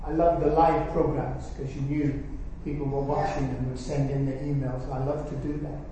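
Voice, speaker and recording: A man's voice: medium pitch, little pitch movement, moderate pace, warm tone. A man preaching a sermon emphatically, often putting questions to his congregation. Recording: echoey hall, distant mic, faint noise.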